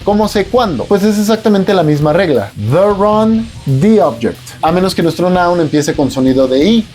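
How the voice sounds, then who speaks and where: Joking Mexican Spanish-speaking teacher. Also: male voice, high voice, lively intonation, normal speed, a little mellow, soft background music. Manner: casual, joking, colloquial teaching tone. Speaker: English teacher. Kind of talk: explanatory lesson with slang.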